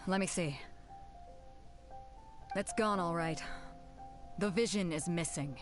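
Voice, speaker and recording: A woman's voice: on the low side, slow. A woman voicing a bold, brash sea captain in a video game, commanding and showy. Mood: grave, irked. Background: faint game music.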